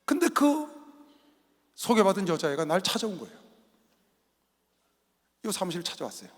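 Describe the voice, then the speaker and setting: A man preaches a sermon in a fairly high, very lively voice, telling his story with big dramatic swings from hushed whispers to loud cries. The sound carries the long reverb of a vast indoor sports arena. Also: moderate pace. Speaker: pastor. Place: large indoor sports arena used for worship.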